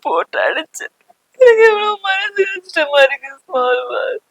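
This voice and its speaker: A high, bright young woman's voice, hurt and pleading through tears. The sound is close and dry. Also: animated, measured pace, no echo, heavily acted, low-quality recording. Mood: tearful. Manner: pleading, tearful.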